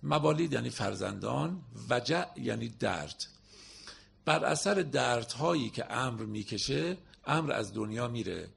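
A man teaching a lesson on classical verse, his mid-pitched voice heavy with gravel and fry. He explains each word patiently and slows down to recite the lines, with a faint hiss of noise under the recording. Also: expressive, fairly bright tone.

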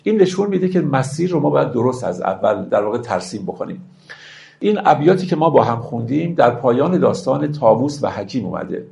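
A man giving a lecture on classical verse, reciting lines slowly and then explaining them in a conversational tone. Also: medium pitch, very animated, gravelly, a little mellow. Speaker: teacher of classical poetry.

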